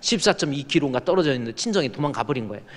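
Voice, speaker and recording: A man's voice: mid-range voice, expressive, racing. A male pastor delivers a sermon in a church, his voice carrying a long hall reverb. He talks in a folksy storytelling way and keeps prompting the congregation to respond. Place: church sanctuary.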